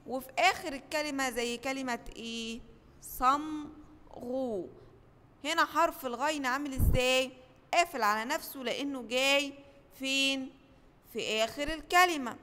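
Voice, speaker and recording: A woman teacher with an Egyptian accent gives a lesson to first graders, asking questions, answering them herself and drawing out each model word slowly. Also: high voice, a bit bright, smooth, big-room sound. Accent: Egyptian Arabic. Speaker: primary school teacher.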